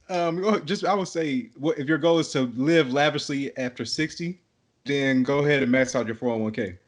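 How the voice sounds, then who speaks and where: A young man co-hosting a podcast, talking in a relaxed, rambling way and laughing easily. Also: on the high side, moderate pace. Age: young adult. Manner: laid-back, rambling, many fillers and restarts, laughs easily. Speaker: podcast co-host. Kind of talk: casual podcast chat.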